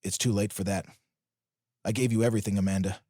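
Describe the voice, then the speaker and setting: A man voicing a betrayed husband who speaks quietly, coldly and bitterly, in a storybook reading. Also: lowish voice, fairly even intonation, fast, no echo, clean studio sound, lightly acted. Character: betrayed husband, cold and firm.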